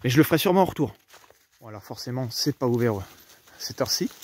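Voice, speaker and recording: A young French man with an animated, mid-range voice and a breathy edge talks at a quick pace, narrating a casual travel vlog to a camera held at arm's length. Chatty and rambling with many fillers, he films outdoors in a foggy forest and parking lot and inside a camper van. The recording is dry.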